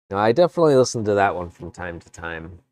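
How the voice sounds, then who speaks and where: A man streaming live from his woodworking shop, chatting casually with viewers in a relaxed, rambling way. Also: lowish voice, gravelly, dry recording. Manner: relaxed, rambling, chats with viewers between tasks. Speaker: woodworking livestreamer. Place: home workshop.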